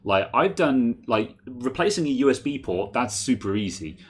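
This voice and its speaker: A man's voice: medium pitch, expressive, normal speed. A man co-hosting a casual tech chat, rambling, restarting sentences and laughing often. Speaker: podcast co-host.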